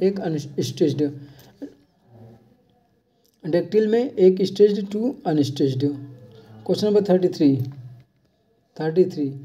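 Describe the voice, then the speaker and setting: A teacher leading an exam-prep lesson, reading each question slowly and repeating key terms. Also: medium pitch, warm tone, distant mic. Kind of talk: exam-prep lesson, mixing Hindi and English. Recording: dull lo-fi sound from off-mic.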